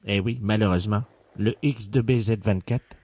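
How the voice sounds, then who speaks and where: In a deadpan prank call with hushed radio commentary, a man with a voice on the low side and no echo plays a pompous scientist looking into a virus outbreak for radio. His delivery is solemn, pedantic, and deliberately articulated, with an instructive mood.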